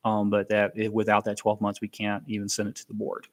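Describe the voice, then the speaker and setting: A man's voice: on the low side, completely flat delivery, brisk. A man presenting an informal briefing on education benefits, explaining plainly with frequent ums and restarts.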